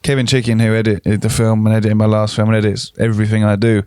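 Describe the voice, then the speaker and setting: A man's voice: lowish voice, level tone, fast talker, mellow, smooth, dry recording, studio quality. A young man, a film director, talking casually on a podcast with lots of fillers and restarts. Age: young adult. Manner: rambling, many fillers and restarts.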